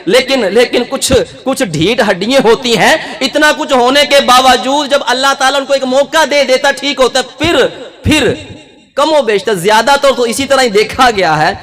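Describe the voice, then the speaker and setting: Man, high bright voice, impassioned preacher, big reverbing hall. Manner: impassioned, rising to shouted peaks. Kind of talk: sermon.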